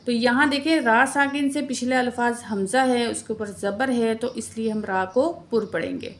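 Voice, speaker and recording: A woman teaching tajweed, who spells each word letter by letter and then chants the verse slowly and drawn out. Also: fairly high pitch. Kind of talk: word-by-word recitation lesson.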